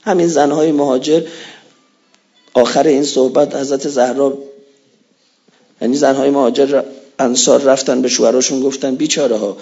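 A man preaching an impassioned religious sermon, swinging between shouts and hushed low tones. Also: fairly even intonation, creaky, long pauses, soft background music. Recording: dull lo-fi recording.

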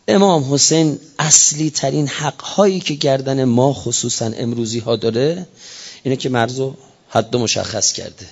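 Impassioned high-voiced male preacher. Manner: impassioned, rising to shouts and dropping low. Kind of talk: religious sermon with prayers. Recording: dull lo-fi recording.

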